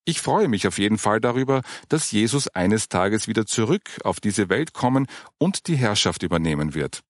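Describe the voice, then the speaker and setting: A man voicing a patient woman who explains matters of faith, in an earnest, gentle manner. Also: lowish voice, very animated, normal speed, no echo, studio quality. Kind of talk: audiobook character reading.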